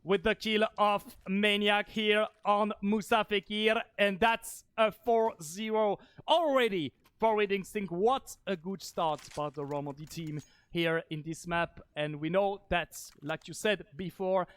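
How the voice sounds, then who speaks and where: Excitable Spanish-accented esports caster, man. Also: sits high, unhurried, clean tone, dry recording. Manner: excitable, bursts into shouts on big plays. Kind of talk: play-by-play esports commentary.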